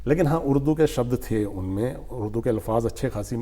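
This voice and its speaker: Older man telling stories in a mellow voice. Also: medium pitch. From India. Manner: unhurried anecdotes, acting out quoted speech. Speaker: guest poet. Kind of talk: storytelling interview.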